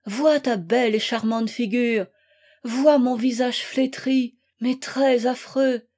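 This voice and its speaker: A woman voicing an anguished young wife who is jealous and desperate, in a dramatic audiobook reading with a loud, impassioned, pleading manner. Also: fairly high pitch, fairly even intonation, slow.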